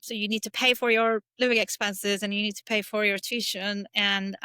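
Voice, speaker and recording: A woman's voice: medium pitch, little pitch movement, moderate pace, pushed and bright, clear, resonant tone, no echo. A middle-aged woman from Turkey, a podcast guest talking casually and thoughtfully, with frequent fillers and restarts. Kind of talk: casual interview talk.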